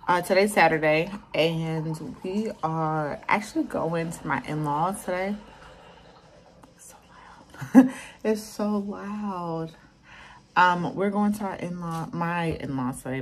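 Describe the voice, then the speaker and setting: A woman's voice: low voice, a little hiss or hum. A woman in her thirties chatting casually to her viewers in a home vlog, recorded indoors on a close camera. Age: 30s. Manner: chatty, talks straight to viewers. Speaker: vlogger. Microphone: phone or camera at close range.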